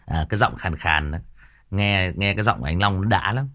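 Sitting low with a sharp tone, this man's voice moves fairly quickly. He's from Vietnam, an audiobook narrator who hosts a story channel, and here he's rambling casually about a story on a livestream, frequently repeating words as he gropes for the next one.

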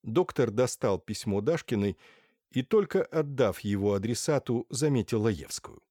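A man narrating an audiobook with expressive storytelling. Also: medium pitch, normal speed, no room sound. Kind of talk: scripted narration. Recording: dry close studio sound.

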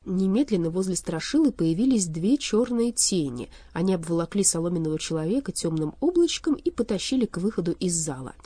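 A woman reads a fairy tale aloud as an audiobook narrator, expressive and steady. Her voice is mellow and her pitch moves a lot. The sound is dry and close. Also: fairly quick, few pauses, slightly rough, no echo. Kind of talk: storybook narration.

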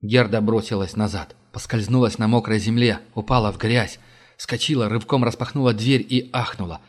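A man reading a novel aloud as an audiobook narrator, in a measured, steady way. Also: fairly low pitch. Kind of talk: scripted narration.

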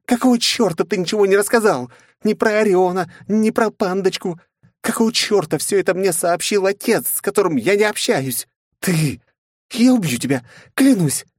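A man's voice: high voice, normal speed, darkish tone, dry recording, studio quality, voice pushed up. A man voicing a haughty, possessive young princess who snaps, scolds and threatens in an audiobook. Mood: furious, threatening. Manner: snapping, scolding, menacing. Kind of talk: audiobook character voice.

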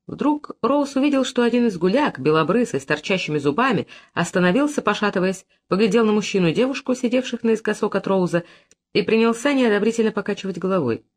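Audiobook narrator, man, expressive and dramatic, wide lively pitch. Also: fast.

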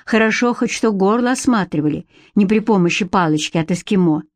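A woman narrating an audiobook in a calm, expressive reading style on a close studio mic. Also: medium pitch, a little fast, no echo. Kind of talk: scripted narration.

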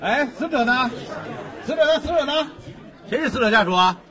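Blunt bystander, high lively man's voice, loud crowd behind. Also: normal speed. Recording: radio play crowd scene behind.

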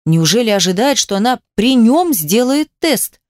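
A woman's voice: a little high, sing-song, moderate pace, a little mellow, dry recording. Woman narrating an audiobook, dry close sound. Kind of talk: scripted narration.

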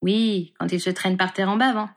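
A woman voicing a blunt, sharp-tongued young woman in a storybook reading. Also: mid-range voice, steady tone, normal speed, natural voice. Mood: fond. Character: blunt teasing young woman, Ron's sister.

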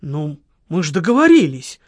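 A woman's voice: low-pitched, sing-song, moderate pace, darkish tone, dry recording, studio quality, pitched below the performer's own voice. A woman reading an audiobook, voicing a shy man who mumbles sheepishly. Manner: embarrassed mumbling.

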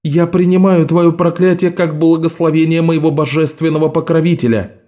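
A man's voice: on the high side, fairly even intonation, moderate pace, mellow, pitched above the performer's own voice, lightly acted. A man voicing a resolute young woman thief who answers in a raised voice. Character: bold young woman thief taking a vow.

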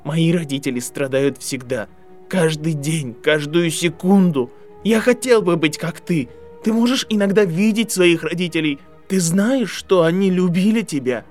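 Man doing a shrill desperate boy. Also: measured pace, faint music behind, natural voice. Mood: bitter. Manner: pleading, shouting, trembling voice. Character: desperate boy, son of prisoners.

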